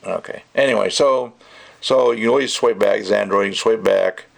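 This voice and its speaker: At a moderate pace, an amateur reviewer offers his opinions freely in a relaxed, conversational ramble. His voice is slightly low and full of gravelly creak.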